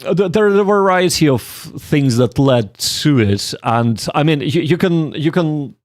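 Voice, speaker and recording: A streamer learning Japanese speaks at a measured pace in a slightly high, animated voice, captured at studio quality with no room sound. His livestream is casual chat blended with study and game reading. He rambles, reflecting on himself and thinking out loud.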